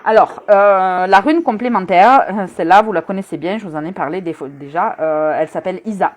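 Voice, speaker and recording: A woman's voice: medium pitch, a little fast. A woman giving a casual live-stream rune reading, chatty and teasing, talking straight to her viewers with many hesitant fillers. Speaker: rune reader.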